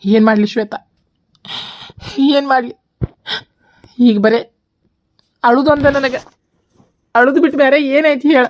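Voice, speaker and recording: A woman's voice: on the high side, fairly quick, pauses often, dark tone, lightly acted. A woman voicing a grieving, brooding young village man with a North Karnataka accent in a cartoon comedy, speaking in a mournful, firm way. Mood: tearful. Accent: North Karnataka Kannada. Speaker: cartoon voice actor.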